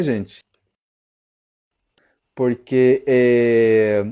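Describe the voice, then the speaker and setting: Guy teaching on a live stream, slow and mellow, keeps asking if everyone's following. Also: medium pitch. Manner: chatty, checks in with viewers often. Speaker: Spanish teacher. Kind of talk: live online lesson.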